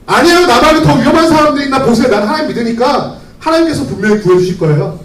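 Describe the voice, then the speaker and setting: A stubborn, fervent believer pleads loudly to God in a high, swooping voice, as a pastor puts him on in his sermon. The tone is insistent and aggrieved. The sound is roomy and heard from across a hall. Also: animated, rapid-fire, recorded from a distance. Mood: stubborn refusal. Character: stubborn devout man praying on a flooded rooftop.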